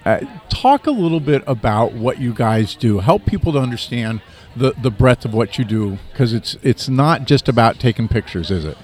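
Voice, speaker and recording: A man's voice: mid-range voice, animated, moderate pace. A man hosting a casual interview, often ending his points with leading tag questions. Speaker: interview host.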